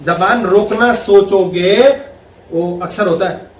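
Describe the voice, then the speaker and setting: A man giving a spiritual talk with questions from listeners, lively and laughing as he acts out everyday scenes. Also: sits high, takes it slowly, reverberant, distant mic, a little hiss or hum. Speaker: spiritual teacher.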